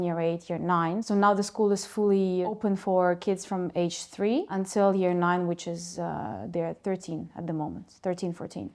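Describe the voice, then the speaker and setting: A Ukrainian woman in her thirties, a native Russian speaker, answers interview questions to camera about co-founding a school, chatty and full of asides. Her voice sits fairly low and is a little mellow.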